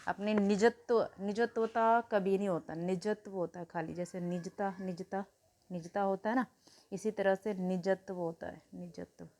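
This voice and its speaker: A woman teaching a grammar lesson to students, repeating key words slowly, asking questions and answering them herself, and telling the children to write things down. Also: mid-range voice, fairly even intonation, darkish tone. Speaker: Hindi teacher.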